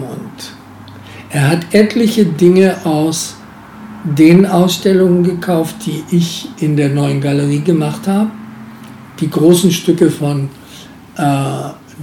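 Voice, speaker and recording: An older man who once directed a museum looks back on his work in an interview, hesitating often and filling gaps with filler sounds. His voice is fairly high-pitched with a dark tone, heard in a reverberant space with slight background noise.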